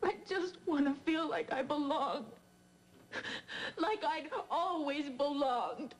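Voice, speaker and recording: A woman's voice: high-pitched, takes it slowly, slight background noise. An actress playing a determined young woman who insistently pleads to take another's place, in 1980s TV soap acting.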